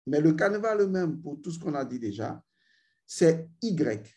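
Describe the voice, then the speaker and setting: A man with a slightly high but mellow, warm voice gives ritual instruction. He speaks slowly and deliberately, often stopping to intone long vowel sounds and asking his students if they follow. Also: sing-song. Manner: addresses learners directly, repeats "vous voyez". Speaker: spiritual teacher.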